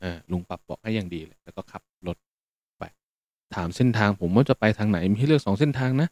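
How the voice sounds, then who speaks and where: A man hosting a podcast, telling a personal story in a relaxed, meandering way with fillers. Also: lowish voice, fast, no room sound. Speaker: podcast host. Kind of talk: casual spoken storytelling.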